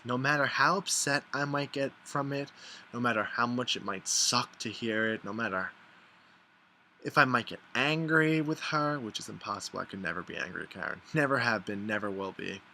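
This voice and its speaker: A man talking casually and warmly to camera about his best friend, filling his talk with "like" and playing out what friends say. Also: slight background noise. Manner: chatty, lots of "like", mimics friends in higher voices. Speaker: vlogger. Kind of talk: casual heartfelt vlog.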